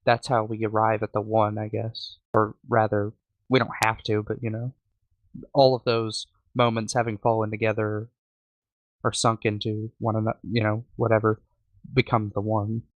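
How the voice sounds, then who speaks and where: A man's voice: on the low side, monotone, normal speed, no echo, highs cut off. A man talking casually in a discussion group, tentative, hedging and rephrasing as he goes. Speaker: reading group participant.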